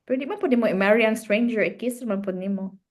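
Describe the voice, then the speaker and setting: A woman's voice: fairly high pitch, quick pace. Chatty Cebuano woman co-hosting a podcast. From Cebu, Philippines. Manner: chatty, mixes English and Cebuano, laughs often. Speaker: podcast co-host. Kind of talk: casual chat.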